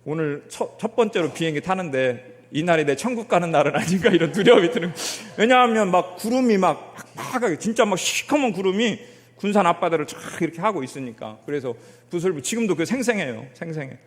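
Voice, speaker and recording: A man with a fairly high voice preaches at a Sunday afternoon service in a church. He tells his stories with energy and keeps putting questions to the congregation. His words ring out with the long reverb of a church hall. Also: fast talker. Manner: lively storytelling, asks the congregation questions. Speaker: pastor. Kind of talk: sermon.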